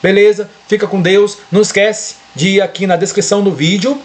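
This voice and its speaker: A man's voice: sits high, steady tone, a little fast. A man with a Brazilian Portuguese accent explaining a spreadsheet to teachers over a screen share, checking in often with short questions. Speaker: educator explaining a spreadsheet tool.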